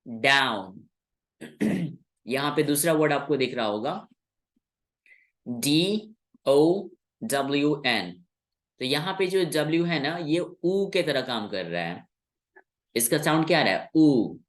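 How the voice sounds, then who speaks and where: A man whose first language is Hindi, teaching English sounds in a patient classroom explanation, repeating key words slowly. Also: on the high side, expressive.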